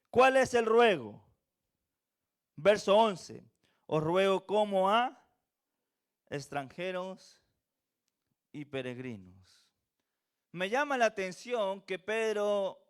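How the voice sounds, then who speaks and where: A Venezuelan man preaches a sermon in a church, his Venezuelan accent carrying a slight Chilean tinge. His voice sits high and is smooth and a bit bright. He leans on earnest repetition and rhetorical questions.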